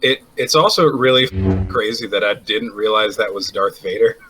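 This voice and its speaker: A man's voice: lowish voice, normal speed, sharp tone, faint music behind, low-quality recording. A man playing in a casual tabletop game, chatty and reflective, thinking aloud with plenty of fillers. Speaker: player.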